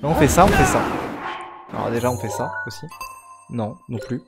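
A man's voice: medium pitch, moderate pace, creaky. A man in his twenties giving casual, rambling, playful commentary as he hosts a video game playthrough. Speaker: let's play host. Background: game music.

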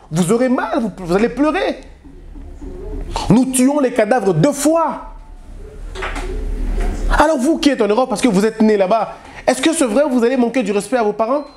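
A man from Congo with a very high-pitched, slightly mellow voice speaks on family values. He delivers a moralizing public address packed with rhetorical questions and exhortations.

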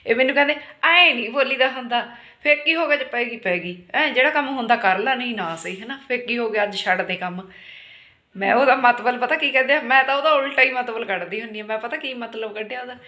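Woman, Punjabi accent, family vlogger, casual chat, teasing, laughs often, bright voice, echoey room. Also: fairly high pitch, quick pace. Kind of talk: casual home vlog chat.

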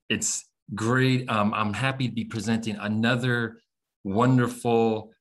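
A middle-aged American man giving an informal online lecture as a teacher trainer, with measured, emphatic delivery. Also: mid-range voice, fairly bright tone. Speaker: webinar presenter and English teacher trainer. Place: indoors, on a video call.

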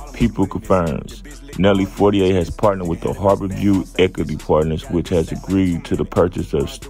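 A channel host reads a news article and shares his own opinions in casual commentary, drawling slowly with lots of fillers. His very low voice has a rough, gravelly edge, and faint music sits underneath.

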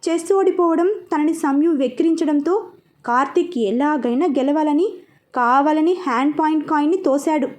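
High-voiced woman telling a story. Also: moderate pace, a little mellow. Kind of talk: narrated serial story.

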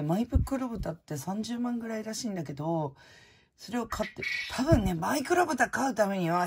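A woman's voice: fairly low pitch, husky. A woman vlogger chatting casually and frankly as she opens prizes, rambling from topic to topic. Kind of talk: casual chat while opening prizes.

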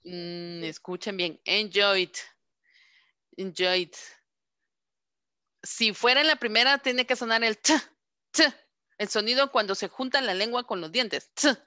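Leading pronunciation practice online, a woman teacher slowly repeats English verbs one by one with patience. Her voice is fairly high, bright and clear, captured close and dry without any room sound.

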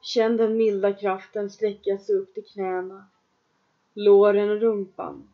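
Calm and measured, a woman with a mid-range voice gives second-person instructions for a trance meditation, pausing at length between lines. The sound quality is dull and lo-fi.

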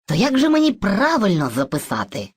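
A woman's voice: medium pitch, huge pitch swings, brisk, darkish tone, husky, no echo. Woman voicing Surzhyk, a muddled eager boy. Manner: boastful, hesitant, playfully theatrical. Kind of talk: educational cartoon dialogue.

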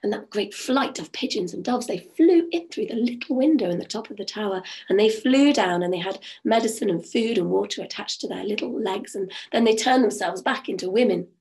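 A woman storyteller with a croaky voice, telling a folk tale in a rhythmic, repetitive and soothing way at an online event. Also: mid-range voice, brisk, few pauses, darkish tone.

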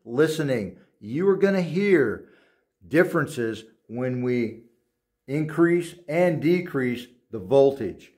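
A man in his thirties walks through a welding lesson at an unhurried pace, each step spelled out carefully. His voice sits at an ordinary middle pitch. He sounds like he is recording in his own auto shop on a camera mic. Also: darkish tone. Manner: slow, deliberate, instructive. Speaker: welding instructor. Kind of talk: step-by-step tutorial narration.

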